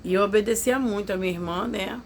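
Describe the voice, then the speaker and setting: A woman's voice: medium pitch, fast talker, a little hiss or hum. A woman telling a personal testimony to her viewers, confiding and emotional, acting out what others said. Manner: confiding, emotional storytelling that acts out others' voices. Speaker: vlogger telling a personal story.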